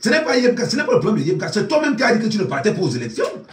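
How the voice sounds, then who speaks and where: A man voicing a shrill, agitated woman who scolds and shrieks loudly in a Cameroonian French accent, recorded from a distance in an echoing room. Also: big pitch swings, racing. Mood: scolding. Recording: roomy echo, distant mic.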